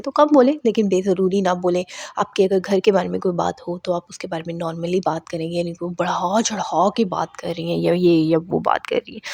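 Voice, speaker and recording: A woman's voice: mid-range voice, mellow, breathy edge, dry recording. Chatty woman giving advice in Hindi. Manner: chatty, repeats herself, mixes in English words. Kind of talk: casual advice talk to camera.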